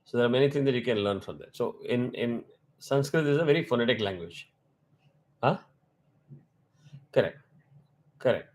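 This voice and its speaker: A man teaching a weekly Vedic class over a video call. He explains step by step and asks his students questions. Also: mid-range voice.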